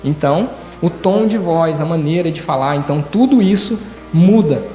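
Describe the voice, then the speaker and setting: A man's voice: on the high side, animated, moderate pace, warm tone, soft background music. Man preaching in an echoing hall. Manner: demonstrative, acts out tones of voice in quoted examples. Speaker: church elder preaching. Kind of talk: sermon. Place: church hall. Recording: echoey hall with reverb.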